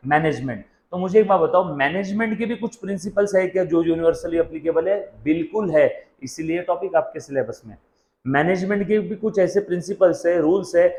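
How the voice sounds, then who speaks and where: A slightly high-voiced man lecturing a classroom of commerce students, throwing questions at them and supplying the answers himself. He drifts between Hindi and English, calls the students "beta" and "munna", and slows right down to dictate definitions. His voice carries the boom of an echoey classroom. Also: darkish tone. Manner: mixes Hindi with English phrases; dictates slowly word by word. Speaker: commerce teacher.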